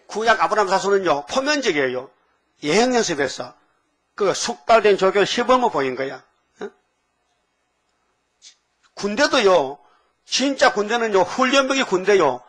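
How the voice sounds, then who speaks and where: An older man preaching a sermon. He speaks in a folksy way and keeps asking the congregation quick questions. He reads scripture slowly and loudly, and now and then acts out a drill instructor's commands. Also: sits high. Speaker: pastor.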